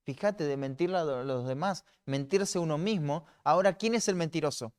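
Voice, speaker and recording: A man's voice: fairly high pitch, normal speed, smooth. A man with a Rioplatense Spanish accent teaching a church Bible class, earnest, often restarting and repeating words. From Argentina.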